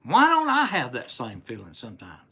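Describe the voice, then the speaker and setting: Earnest bright-voiced preacher man. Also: medium pitch, huge pitch swings, moderate pace, husky. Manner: rambling, many restarts and "you know"; earnest and emotional. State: recovering after hospital stay. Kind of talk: informal devotional talk with scripture reading.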